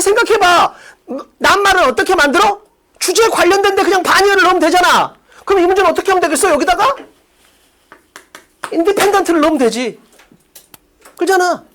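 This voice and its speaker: A woman teaching an exam-prep English class in an academy classroom, firing off rhetorical questions and bluntly insulting students with profanity. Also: extremely high pitch. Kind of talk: lecture on exam reading questions.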